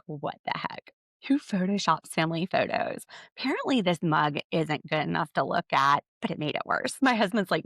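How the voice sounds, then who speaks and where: A podcast host recaps reality TV with snarky, sassy commentary and animated asides. Her voice is lowish and creaky, and there's no room sound.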